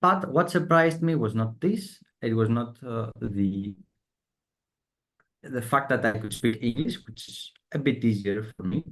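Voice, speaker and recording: A man's voice: medium pitch, a little slow, fairly bright tone. A young man from the Balkans with a Balkan accent, a student ambassador, giving a hesitant testimony over a video call. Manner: hesitant, many fillers, laughs at himself.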